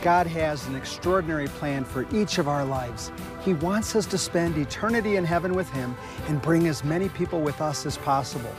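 A man's voice: a little high, normal speed. Earnest middle-aged man hosting, upbeat. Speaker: host. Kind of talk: scripted show introduction and interview. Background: background music.

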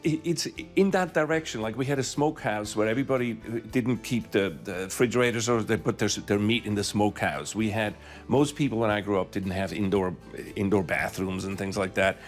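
A man's voice: lowish voice, a little fast, hardly any pauses, faint music behind. A middle-aged man from Switzerland, a guest in an interview, recalling his childhood thoughtfully with many restarts. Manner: thoughtful, with frequent restarts and repeated words. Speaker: guest, university professor. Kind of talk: casual interview storytelling.

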